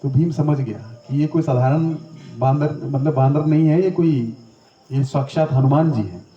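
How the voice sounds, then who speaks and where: A man's voice: on the high side, normal speed, warm tone. A man giving a storytelling scripture lecture in a chatty way, often turning to the audience with questions. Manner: conversational, asks the audience questions. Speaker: spiritual teacher. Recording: roomy, distant, dull lo-fi.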